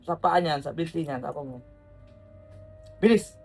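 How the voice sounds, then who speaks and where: A man working as a folk healer who questions a patient forcefully, repeating short commands over and over. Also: on the high side, expressive, measured pace, creaky, soft background music. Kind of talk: forceful interrogation during a healing.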